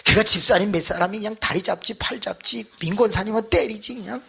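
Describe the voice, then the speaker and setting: Male pastor, raspy bright voice, lively storytelling sermon. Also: sits high, fast. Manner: animated storytelling, acts out shouting voices. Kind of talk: revival sermon.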